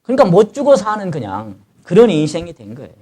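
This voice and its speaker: With a high, mellow voice that races along and swings hugely in pitch, a man preaches a sermon as pastor. Scripture is read aloud and then explained in plain words, passionately, as he cries out in the sufferer's voice.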